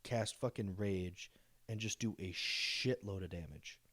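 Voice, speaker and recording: A young man co-hosting a casual podcast chat, excitable and boastful, swearing freely as he talks about the games he runs. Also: fairly low pitch, measured pace. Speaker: podcast co-host and dungeon master.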